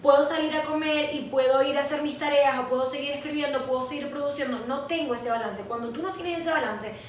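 Mujer joven venezolana, voz aguda y con eco. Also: female voice, sits high, a little fast, heavy reverb, distant mic, slight background noise. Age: 20s. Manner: candid, animated storytelling with acted quotes. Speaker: podcast co-host. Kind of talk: casual chat.

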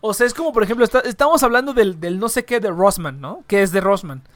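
A woman's voice: medium pitch, lively intonation, quick pace, no echo. Young Mexican-accented woman, stream host; casual, slangy, profane ranting, dry close sound. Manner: slangy, swears freely, tags phrases with questions. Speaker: livestream host. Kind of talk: casual ranting chat with a guest.

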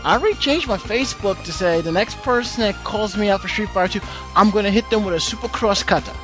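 A man's voice: sits high, quick pace. A man hosting a podcast in casual banter, opinionated and given to emphatic repetition. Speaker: podcast host. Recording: music playing behind the voice.

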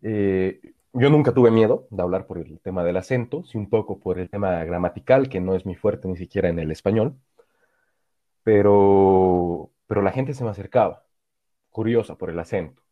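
Low-voiced Bolivian man, dull recording. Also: moderate pace. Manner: earnest, reflective storytelling with frequent restarts. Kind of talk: casual chat. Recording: dull lo-fi sound.

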